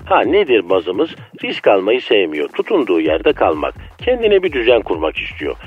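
Give me a man playing bad cholesterol on the phone, a low husky voice swinging wildly in pitch, courteous and mock-philosophical, with dull phone-line sound. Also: wildly swooping pitch, moderate pace, heavily acted. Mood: philosophizing. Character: bad cholesterol personified as a polite, smooth-talking man. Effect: heard over a phone line. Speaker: phone-in guest. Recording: dull phone-line audio with faint music.

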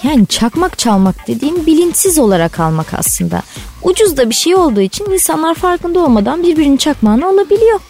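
A woman's voice: sits high, sing-song, fast, darkish tone, faint music behind. A woman co-hosting a radio show, bantering casually in a teasing, exasperated, colloquial city-girl way.

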